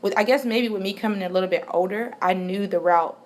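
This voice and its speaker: A woman's voice: medium pitch, fast talker. A woman in her twenties giving a casual vlog update, chatty and rambling, with many ums and restarts. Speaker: vlogger.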